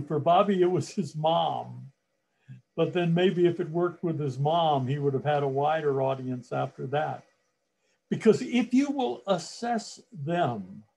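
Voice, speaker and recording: Male speaking coach, mellow and husky, unhurried motivational delivery with long pauses. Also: fairly high pitch. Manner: slow, deliberate delivery with long pauses and repeated phrases. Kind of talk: motivational talk on public speaking.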